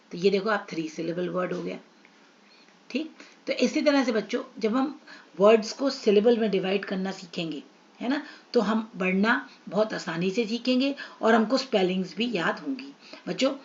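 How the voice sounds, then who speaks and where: A woman's voice: mid-range voice, dull audio. A woman teaching English to children in an online lesson, asking questions and answering them herself.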